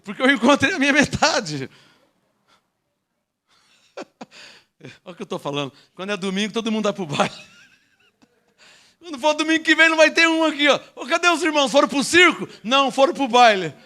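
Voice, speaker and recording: This man, a pastor with a Brazilian Portuguese accent, alternates joking and shouted proclamations in an animated sermon to his congregation. The pitch is extremely high, delivered at normal speed with long pauses.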